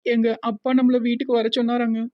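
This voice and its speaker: A woman's voice: fairly high pitch, level tone, fast, muffled recording, very noisy, lightly acted. Woman voicing anxious young village wife. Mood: tearful. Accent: Tirunelveli Tamil. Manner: soft, worried, tearful. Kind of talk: animated cartoon voice acting.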